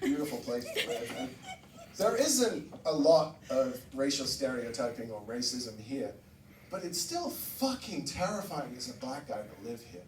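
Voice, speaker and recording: A man from Barbados doing a stand-up set, animated and swearing, with sudden loud outbursts. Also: medium pitch, unhurried. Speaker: stand-up comedian. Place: comedy room with laughing audience. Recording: roomy echo, mic heard from a distance, noisy.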